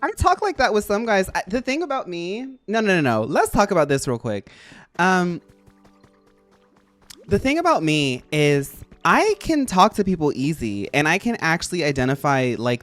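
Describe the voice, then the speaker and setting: A game streamer chatting casually, with an animated, expressive delivery and sassy, girly-pop slang. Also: medium pitch, moderate pace, soft background music. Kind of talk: casual chat while livestreaming a game.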